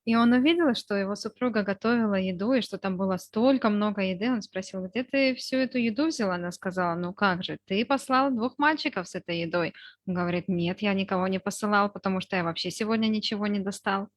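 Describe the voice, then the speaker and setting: A woman's voice: mid-range voice, no room sound. Woman's spoken translation voice-over, dry. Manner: measured phrasing, short chunks with hesitation fillers. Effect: live spoken translation, voiced over the speaker's talk. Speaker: consecutive interpreter into Russian. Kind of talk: consecutive interpretation. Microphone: video call.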